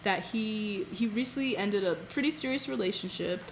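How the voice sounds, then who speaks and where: A woman's voice: medium pitch, moderate pace, slight background noise, rough recording. A woman co-hosting a podcast, chatting casually about a reality show, laughing often and using lots of fillers. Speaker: podcast co-host.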